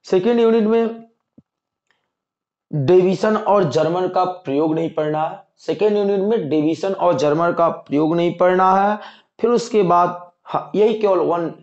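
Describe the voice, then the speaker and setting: A man's voice: sits high, a little slow, a little mellow. A male teacher going through an exam syllabus, repeating key points and reassuring students he calls dear children. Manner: repetitive, assuring, addresses students as dear children. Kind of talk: exam-prep lecture. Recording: echoey room, dull lo-fi sound.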